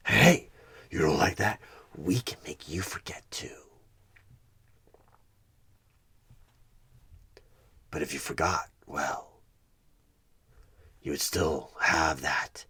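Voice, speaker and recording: Here the same sinister recruiter, a devilish tempter voiced by a roleplay performer posing as a job interviewer, tempts and needles the listener in a one-sided horror ASMR piece. The bass voice is gravelly, pushed and bright, and exaggerated, often slipping into a whisper. Delivery stays slow, deliberate, coaxing and condescending.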